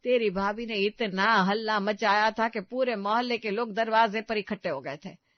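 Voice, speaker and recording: A woman's voice: medium pitch, normal speed, no echo, muffled recording, close to an everyday voice. A woman voicing an older mother-in-law in a cartoon story, scolding but affectionate. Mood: coaxing.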